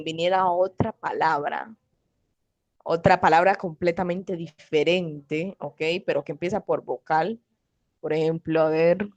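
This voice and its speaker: A woman's voice: fairly low pitch, dry recording, poor audio. A woman teaching an online Korean class, patiently checking in with "¿ok?" and "¿cierto?". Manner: patient, repeats "¿ok?" and "¿cierto?" often.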